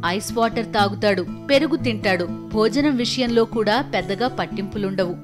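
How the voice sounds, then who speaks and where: A woman giving a formal, scripted documentary narration. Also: medium pitch. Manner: measured, formal storytelling delivery. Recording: narration over loud background music.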